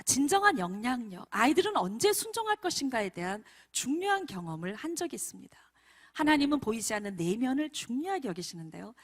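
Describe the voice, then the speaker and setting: A woman missionary preaching a sermon, telling a personal story in an animated way and often turning to address the congregation directly. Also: on the high side. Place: church prayer meeting.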